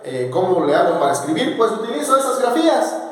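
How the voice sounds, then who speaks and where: A man from southern Mexico, a native speaker of Zapotec, teaching an alphabet in a casual spoken lesson, drawing out syllables and tones slowly. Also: high voice, very animated. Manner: slow, drawn-out syllables and tones. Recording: echoey room with long reverb.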